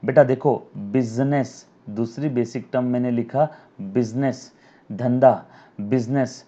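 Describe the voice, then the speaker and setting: A man teaching accounting on camera, dictating terms slowly and repeating them so students can write along. His voice is mellow and dark, heard through a slightly dull, lo-fi recording. He keeps checking in with "yes or no?" and calls the students his children. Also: mid-range voice, faint music behind. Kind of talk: recorded video lecture. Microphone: camera mic.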